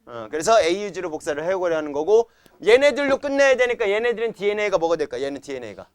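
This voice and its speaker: A young man is lecturing a classroom, firing quick check questions at students and chanting silly mnemonics. His voice sits a little high. The sound is dry and close, with almost no room echo. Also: big pitch swings, clear, resonant tone. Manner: keeps quizzing students with repeated questions; playful chanting of memory tricks. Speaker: science teacher.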